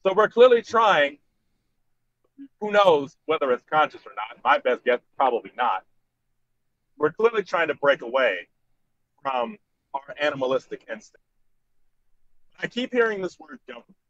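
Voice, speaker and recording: A man on the road makes his point on a group video call through a tablet. His voice cuts in and out with the bad connection, the words arriving in broken fragments. The sound is dry and muffled, and his pitch sits somewhat high for a man. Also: big pitch swings, moderate pace, pauses often, a bit bright, no room sound. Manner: earnest, argues in broken fragments. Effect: voice cutting in and out over a weak online call connection. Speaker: hangout participant. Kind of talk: casual debate on a group call.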